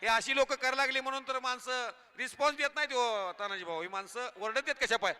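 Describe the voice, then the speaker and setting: A man from Maharashtra announcing a wrestling match live over a loudspeaker, calling moves, prize money and scolding the crowd in an excited, shouting manner. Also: very high voice, fast, smooth. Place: outdoor wrestling ground.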